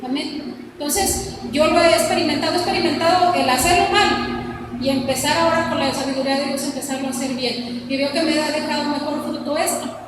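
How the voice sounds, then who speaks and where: A woman's voice: high voice, fairly even intonation, brisk. A middle-aged woman preaching an earnest, exhorting sermon to her congregation. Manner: earnest, exhorting, addresses congregation as "mis hermanos". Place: church hall. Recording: echoey church hall mic from far off with noise.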